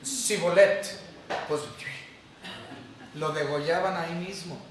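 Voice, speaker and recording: A male pastor preaches a sermon in a chatty, question-asking manner, with a somewhat high voice. He is picked up from a distance in a very reverberant church hall. Faint room noise sits underneath. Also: a little slow, a bit bright. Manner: conversational, asks the congregation questions. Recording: echoey hall from far off.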